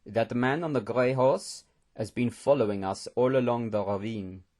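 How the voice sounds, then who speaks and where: A man voicing a seasoned male hunter who speaks in a low, measured, gruff way with slightly odd phrasing. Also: a little mellow, natural voice. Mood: grave.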